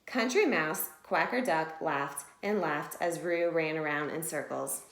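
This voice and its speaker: A woman teacher with a low, gravelly voice reads a picture book to young children at an unhurried pace. She explains it in simple, expressive terms as a short lesson, in an echoey room.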